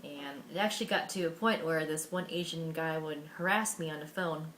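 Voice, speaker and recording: A young woman vlogger from Washington State, USA, tells her own story to camera in a low, slightly bright voice, sounding earnest and candid. She frequently restarts sentences and fills pauses with "um" and "you know." The recording is rough, with a faint hiss underneath.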